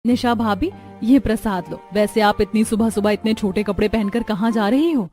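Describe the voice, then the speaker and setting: A woman voicing a modest young village bride in a narrated family story, speaking gently and politely. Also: mid-range voice, moderate pace, soft background music, close to an everyday voice. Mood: gentle.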